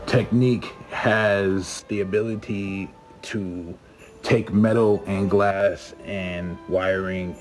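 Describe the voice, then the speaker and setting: A man with a fairly low voice speaks casually and eagerly about his own comic book. His delivery is easygoing and loose, full of fillers. Music plays clearly under his voice. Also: darkish tone. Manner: easygoing, filler-heavy, enthusiastic. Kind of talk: casual pitch to camera.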